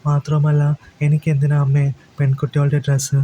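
A man voicing a cheeky younger brother playing innocent, in a flat delivery. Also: on the high side, normal speed, a little hiss or hum, lightly acted, poor audio.

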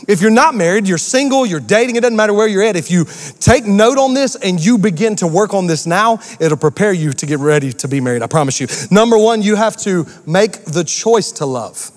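A man preaching a sermon as pastor, animated and talking straight to the congregation with asides and call-outs. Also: high-pitched, brisk, in a large hall. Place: church auditorium.

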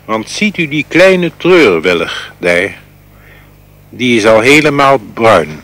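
A man voicing Death as a gentle, knowing old man, speaking low, quiet and unhurried. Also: sing-song, exaggerated voice. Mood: calm, hushed.

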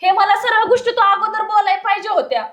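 A woman's voice: very high-pitched, fairly even intonation, fast talker, a bit bright, dull audio. An actress playing a young runaway bride who regrets her marriage, scolding and wailing. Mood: furious. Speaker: actor. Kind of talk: comic village drama acting.

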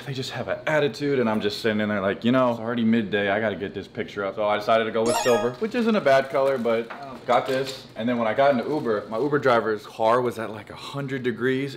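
A man's voice: medium pitch, a little hiss or hum. A man hosting a vlog, telling a rambling, exasperated story to camera. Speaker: vlog host.

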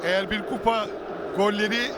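A man co-commentating on football, giving analysis in hesitant phrases with pauses. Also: high voice, fairly even intonation. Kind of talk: match analysis. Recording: loud noise, slightly distant voice.

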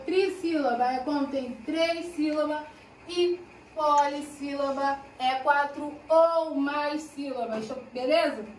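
A teacher explains a lesson in a high, light voice, stretching out key words and checking in often. She sits a little back from the mic, and the room gives her voice a noticeable echo. Faint background hum sits behind her. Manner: slow, drawn-out explanations with frequent "né?" and "ó". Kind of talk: recorded class lesson. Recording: echoey room, voice from a distance.

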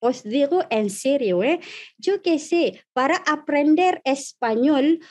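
A woman's voice: sits high, lively intonation, darkish tone. A woman from Malaysia whose first language is Malay, teaching an online language lesson with a Malaysian accent, often checking in with "vale" and spelling out words syllable by syllable. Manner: spells out letters and syllables slowly.

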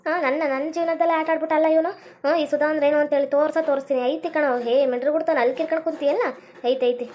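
Brief: high, quick woman, scolding sketch comedian. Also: fairly even intonation, darkish tone. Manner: scolding, quarrelsome village banter. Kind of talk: comic sketch acting.

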